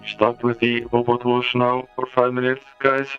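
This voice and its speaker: A man chats haltingly over his gameplay, his voice run through a crunchy, bitcrushed eight-bit robot filter. The sound is dull and lo-fi, and his pitch stays flat. Faint game music plays underneath. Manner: halting, with many pauses. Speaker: game streamer. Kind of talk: casual gameplay commentary. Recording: lo-fi filtered stream audio.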